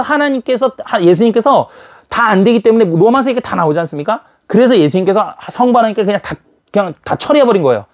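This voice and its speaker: A man preaching a sermon in an emphatic way, firing rhetorical questions at his listeners. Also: high voice. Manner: animated, emphatic, full of rhetorical questions to the audience.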